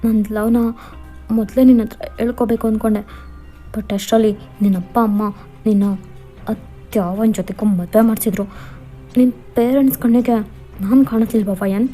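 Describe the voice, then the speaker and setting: A woman's voice: on the high side, fairly even intonation, normal speed, pauses often, warm tone, soft background music, lightly acted. A woman voicing an insistent, pleading young man confessing love in a fan fiction voiceover. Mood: earnest pleading. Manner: insistent, coaxing.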